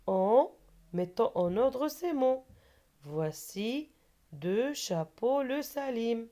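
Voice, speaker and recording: A woman's voice: medium pitch, mellow. A woman teacher giving a patient reading lesson for children, repeating syllables and words and asking questions that she answers herself.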